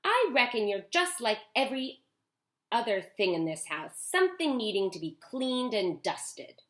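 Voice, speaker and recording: A woman's voice: a little high, sing-song, a little slow, roomy sound, pitched above the performer's own voice. A woman voicing a bossy, disdainful housemaid in a storybook, with a folksy way of talking to herself. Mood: bossy, dismissive.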